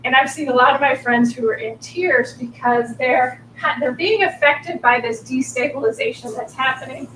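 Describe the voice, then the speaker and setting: Bright and forceful, with a voice that sits high, a forties-aged workshop speaker presents in a meeting room. She's earnest and encouraging though a bit strained; the mic is far off, the room echoes, and there's slight background noise.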